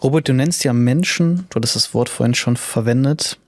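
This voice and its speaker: A man hosting a podcast, asking his guest measured questions. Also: medium pitch, no echo. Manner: asks measured questions, with backchannel "mhm". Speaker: podcast host. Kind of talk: interview questions.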